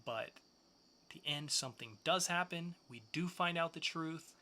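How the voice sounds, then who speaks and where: A male podcast host casually reviews comic books, tossing in enthusiastic, loose, slangy asides. His voice is fairly high with a sharp tone, and he takes an unhurried pace.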